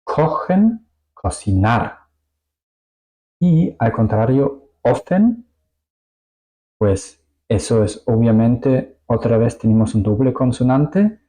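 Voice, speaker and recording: A man's voice: medium pitch, slow, dark tone, low-quality recording. A German man teaching a language lesson in Spanish, with small slips, repeating example words carefully and often checking with "ok?".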